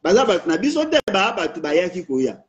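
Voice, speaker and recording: Congolese guy w/ a pretty high voice going on and on, insistent, keeps repeating himself, drops in lingala bits. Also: sing-song, fairly quick, muffled recording. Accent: Congolese French. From Democratic Republic of the Congo. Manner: insistent, repeats points, mixes in Lingala phrases. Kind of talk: impassioned political monologue.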